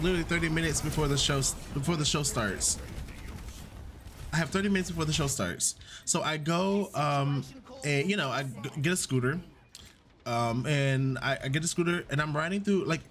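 A man's voice: on the high side, noisy background. A man streaming a game live, chatting casually, greeting viewers and swearing freely while he plays.

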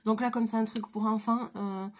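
Hoarse woman chatting through a craft tutorial. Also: on the high side, fairly even intonation, normal speed, darkish tone. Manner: informal, slangy. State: hoarse, croaky from flu, coughing. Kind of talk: casual craft tutorial chat. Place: small attic room indoors.

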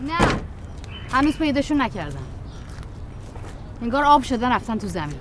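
A woman's voice: a little high, sing-song. An actress playing a determined young woman who insistently pleads with a man on the phone. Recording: film audio with rain noise. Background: rain and thunder.

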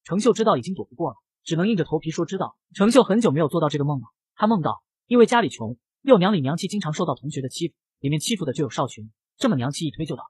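A man narrating a comic recap in a brisk storytelling manner. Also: a little high, big pitch swings, darkish tone, husky, dry recording.

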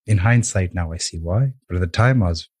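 Low, husky man from Rwanda. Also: brisk, darkish tone, no room sound, studio quality. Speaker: podcast guest, yoga teacher. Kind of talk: reflective storytelling in an interview.

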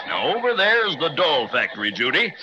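An actor playing a kindly old Santa, a hearty guide in a 1930s children's radio drama. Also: male voice, on the high side, big pitch swings, fairly quick, bright, forceful tone, highs cut off, full character voice. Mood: jolly, kindly. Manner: hearty, avuncular tour guide. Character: Santa Claus, jolly, kindly old man. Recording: noisy 1930s radio transcription.

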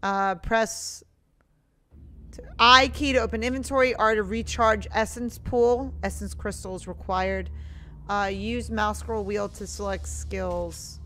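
A woman's voice: medium pitch, fairly even intonation, slow pace, a bit bright. A young woman giving casual let's-play commentary, sometimes reading game text aloud as she plays. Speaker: game streamer. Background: faint game music.

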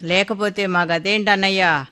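A woman's voice: medium pitch, fairly even intonation, measured pace, bright, forceful tone, clean tone. A woman voicing a distressed wife and mother, lamenting in a storybook reading.

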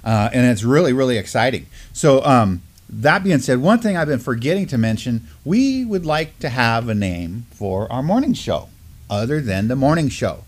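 Seated at a desk in a compact studio, this middle-aged co-host with an American accent chats informally about the news on a Native live stream, sometimes reading articles out loud. He speaks at a normal speed with a medium-pitched voice that swings widely in pitch.

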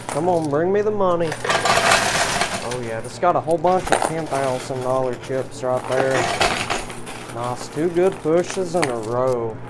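Man narrating a coin pusher game. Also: a little high. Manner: excited, upbeat running commentary. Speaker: coin pusher channel host. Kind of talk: casual play-by-play commentary. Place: arcade coin pusher machine, indoors.

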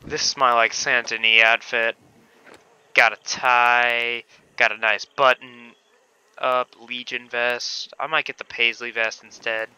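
A man's voice: medium pitch, little pitch movement, measured pace, sharp tone, clear, resonant tone. A man giving rambling, hesitant gameplay commentary on a stream, with casual swearing. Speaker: game streamer. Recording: dull lo-fi recording.

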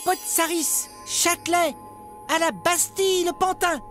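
A man voicing a clever, level-headed young girl adventurer in a children's audio story, reasoning things out quickly. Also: extremely high pitch, expressive, darkish tone, soft background music, voice pushed up, exaggerated voice. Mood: chanting a spell.

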